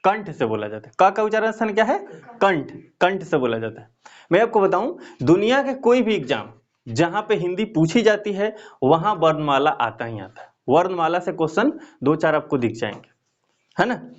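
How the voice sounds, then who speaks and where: A man's voice: high-pitched, sing-song, normal speed, lo-fi sound. A man teaching a Hindi grammar lesson to students, patiently asking the class rhetorical questions as he explains.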